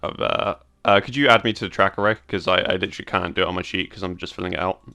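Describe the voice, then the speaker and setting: A low-voiced man with a gravelly edge describes his tabletop character in a relaxed, casual way. His tone is bright and forward. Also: racing. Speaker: player.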